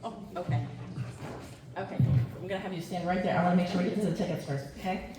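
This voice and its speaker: A woman's voice: on the low side, fast talker, very noisy. A woman moderating a town hall meeting, calling speakers up in a friendly, slightly flustered way. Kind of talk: casual directing of speakers. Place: museum meeting room. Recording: echoey room from far off.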